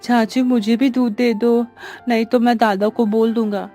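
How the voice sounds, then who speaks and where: A man's voice: extremely high pitch, flat delivery, warm tone, soft background music, pitched above the performer's own voice. A man doing a whiny little village boy. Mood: pleading. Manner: pleading, drawn-out begging.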